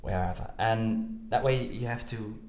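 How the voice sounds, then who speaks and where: A woman's voice: very deep voice, unhurried, darkish tone. A woman with a Dutch accent talks in casual conversation and explains patiently, now and then stopping to find the right English word. The room around her is echoey and open. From Maastricht, Netherlands. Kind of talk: casual chat. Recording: roomy echo.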